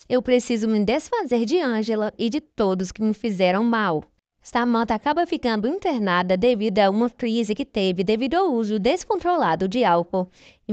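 A woman narrating a soap opera episode summary in an even, measured reading voice. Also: medium pitch, no room sound. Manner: even, measured reading, quoting characters in the same voice. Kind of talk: scripted narration.

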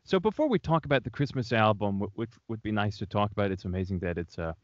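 A man hosting an interview, talking in a halting way with many repeated words and restarts. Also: on the low side, lively intonation, no echo, muffled recording. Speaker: podcast host. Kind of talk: interview conversation. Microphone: remote video call.

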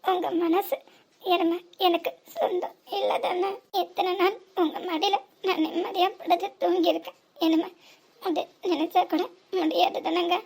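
A hurt young cartoon wife, played by a woman, pressing bitter questions one after another. Her voice is very high and close to the performer's own. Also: steady tone, a little slow, a little mellow. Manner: reproachful questioning. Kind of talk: cartoon voice acting.

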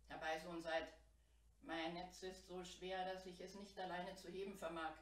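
A woman voicing a poor old fisherman who is desperate and quick to anger, speaking in a booming, lamenting way. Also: natural voice. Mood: urgent. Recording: roomy, distant mic.

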